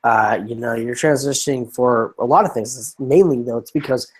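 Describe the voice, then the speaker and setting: A podcast co-host with a medium-pitched, husky voice talks at normal speed in a casual conversation. He's getting over a lung infection, so he sounds scratchy and tired, and he rambles with lots of restarts and fillers.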